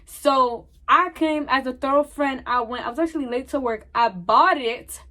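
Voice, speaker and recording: A young woman tells a storytime vlog, with a high-pitched voice. She acts out the dialogue as she goes and keeps the telling animated. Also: moderate pace. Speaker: vlogger.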